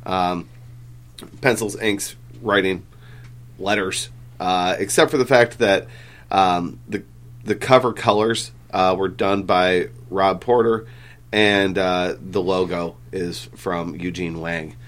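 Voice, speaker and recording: Low-voiced guy hosting a podcast, rambles with lots of ums and uhs, swears casually. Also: fairly even intonation, takes it slowly, a bit bright. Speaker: comic book podcast host.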